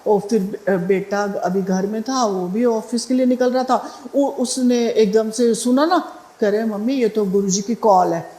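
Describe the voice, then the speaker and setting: A woman's voice: on the high side, fairly even intonation, measured pace, warm tone, reverberant. A middle-aged woman sharing a devotional testimony in a conversational way, with fillers and restarts. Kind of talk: spoken satsang testimony.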